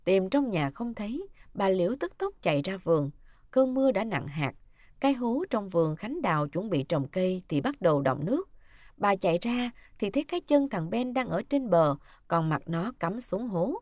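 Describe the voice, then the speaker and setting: Woman, storyteller, scripted narration, dramatic, expressive, lively melody, dry sound. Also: medium pitch, moderate pace, no room sound.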